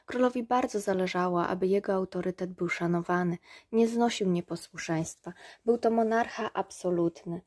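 A woman narrating a storybook aloud in a calm, measured way. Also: lowish voice. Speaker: reader. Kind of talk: audiobook narration.

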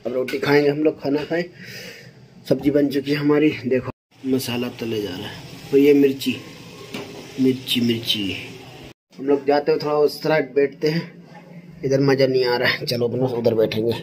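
A man talks easily to his viewers in a casual home vlog, his voice sitting at a middle pitch. He sounds chatty and unhurried, filming on a phone inside his family home. A clear hiss of household noise runs under the whole recording. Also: rough recording. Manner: relaxed, chatty, addresses viewers as guys. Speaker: vlogger.

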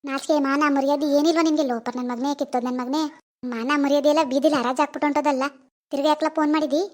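A woman's voice: high voice, steady tone, darkish tone, close to an everyday voice. A woman voicing an angry middle-aged village mother who scolds her son with insults in a cartoon. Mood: furious scolding. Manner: scolding, insulting, rapid-fire rebukes. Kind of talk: cartoon voice acting.

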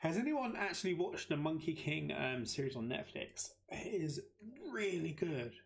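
Excitable British man streaming a game. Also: a little high, normal speed, vocal fry. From United Kingdom. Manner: chatty, excitable reactions to the game. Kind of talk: live gameplay commentary.

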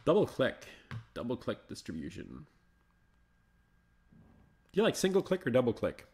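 A man hosting a live Linux show, chatting casually and thinking aloud as he installs and explores software, coaxing slow programs along. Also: medium pitch, huge pitch swings, slight background noise. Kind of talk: casual live screencast commentary.

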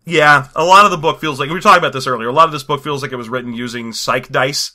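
Man, podcast co-host, quick-talking, very bright tone, jokey riffing. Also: medium pitch. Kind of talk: casual comedic chat.

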